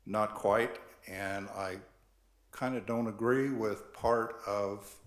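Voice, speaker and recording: An older man addressing a city board about his property, earnest and measured, reading from his notes. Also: on the low side, fairly even intonation. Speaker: property owner at hearing. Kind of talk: public comment at board meeting. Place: council chambers. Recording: echoey chamber.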